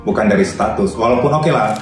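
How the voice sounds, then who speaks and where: A man guest in casual chat, telling a story in an animated way and acting out the dialogue. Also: lowish voice, fairly quick, far from the mic, soft background music. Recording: echoey room, away from the mic.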